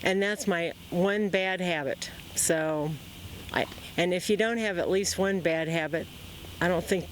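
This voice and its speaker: A man's voice: sits high, unhurried, fairly bright tone, slight background noise, poor audio. A man in his seventies answering a street interview in a carefree, joking way. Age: 70s.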